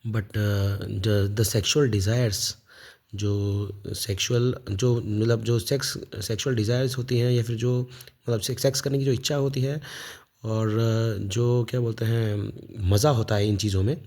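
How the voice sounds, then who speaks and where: A man in his thirties from India, talking in a rambling, halting casual monologue full of fillers and restarts. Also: lowish voice, steady tone, a little mellow. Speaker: vlogger.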